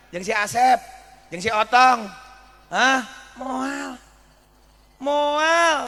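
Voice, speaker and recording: A man preaching with animated, questioning energy, his voice high and bright. He speaks to a gathering, and a long hall reverb hangs behind every phrase. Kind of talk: sermon. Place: religious school gathering hall. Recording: echoey hall.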